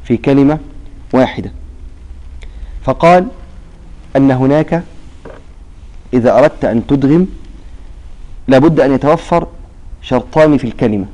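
A man teaching recitation rules in a lesson. He prompts his students with half-finished questions and stretches out example words slowly. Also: mid-range voice, warm tone, rough recording.

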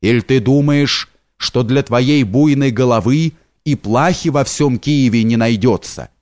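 A man's voice: medium pitch, measured pace, a little mellow, dry recording, studio quality, natural voice. A man reading an audiobook voices an angry, grey-haired old fisherman who scolds and rebukes.

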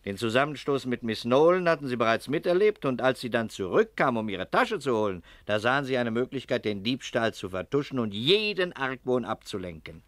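A male actor with a medium-pitched voice and big pitch swings plays a shrewd English private detective in a German radio crime drama. He probes politely and deliberately, with gentle irony and a calmly accusing mood. There's no echo.

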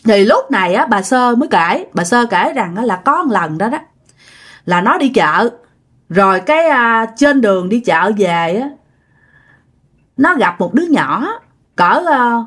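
A woman's voice: fairly high pitch, sing-song, measured pace, a bit bright, husky. A woman telling a ghost story in a chatty way and talking straight to her listeners. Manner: chatty, addresses listeners directly.

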